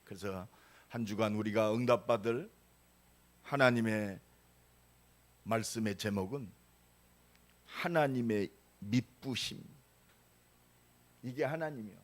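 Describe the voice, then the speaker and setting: A pastor in his sixties preaching a sermon, emphatic with sudden loud rises and casual storytelling asides. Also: on the low side, slow pace, pauses often. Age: 60s.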